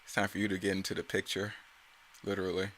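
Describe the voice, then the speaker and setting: Fast and monotone, this man's deep voice still carries a fairly bright tone, with slight background noise behind him. He's commenting on his own motion comic series in a loose, unscripted way, wandering and correcting himself along the way.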